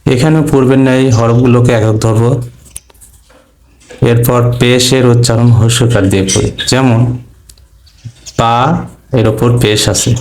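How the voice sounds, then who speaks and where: A man's voice: mid-range voice, fairly even intonation, measured pace, pauses often, darkish tone, low-quality recording. A man teaching Quran reading step by step, patiently spelling out each letter sound one at a time. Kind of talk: slow step-by-step lesson.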